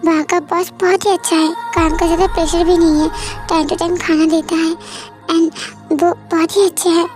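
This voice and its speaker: A woman reading as a devoted young daughter in a homemade audio drama, her voice pitched extremely high and gently reassuring. Soft music plays faintly underneath. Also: flat delivery, moderate pace. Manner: soothing, pleading. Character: caring young adult daughter, dutiful and reassuring. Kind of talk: amateur fan audio drama.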